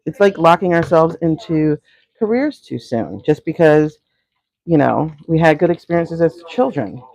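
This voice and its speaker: Husky-voiced woman coaching while cooking. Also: sits low, animated, normal speed, a little mellow, highs cut off. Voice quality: husky morning voice. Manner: chatty, coaching, addresses viewers as y'all. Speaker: brand coach. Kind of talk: casual vlog talk while cooking. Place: home kitchen, cooking.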